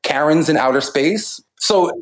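With a fairly high pitch and lively intonation, a US man speaks at a measured pace while co-hosting a casual cultural commentary podcast. He's thoughtful, laughs a lot, and restarts frequently, and the audio is poor.

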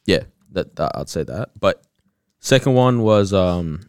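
A man's voice: low-pitched, animated, measured pace, a little mellow, smooth, no room sound, studio quality. A young man talking informally and candidly with friends as a panelist in a casual chat. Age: young adult. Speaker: podcast panelist.

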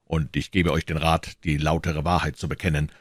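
A cold, suspicious commissioner in a storybook audiobook, voiced by a man in a very low voice. He questions in a stern, indifferent manner, recorded close and dry. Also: little pitch movement, normal speed, no echo. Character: cold, suspicious male police commissioner, middle-aged. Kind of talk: audiobook reading.

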